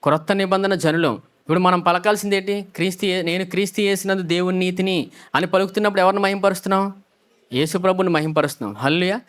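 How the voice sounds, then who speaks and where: A man's voice: high voice, fairly bright tone. A male pastor preaching a sermon, asking the congregation questions and repeating the key phrases back.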